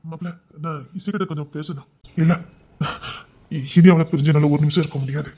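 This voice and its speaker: A man's voice: a little high, fairly even intonation, a little fast, mellow. A male storyteller who reads an audio love story, voicing its characters with emotional, tearful delivery. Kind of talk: dramatic audio story narration. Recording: dull lo-fi recording.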